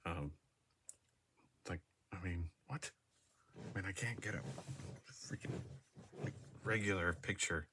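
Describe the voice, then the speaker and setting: With a deep voice and long pauses, a vlogger speaks unhurriedly to his device camera mic in an indoor room, background noise audible. His casual talk rambles and hesitates, loaded with fillers and restarts, and he often laughs at his own expense.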